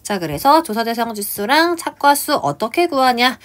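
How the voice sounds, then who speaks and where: A woman's voice: fairly high pitch, sing-song, moderate pace. A woman lecturer giving an online exam prep lesson, talking through a table step by step and putting questions to her students. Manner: keeps starting lines with a prompting "ja", asks the class questions.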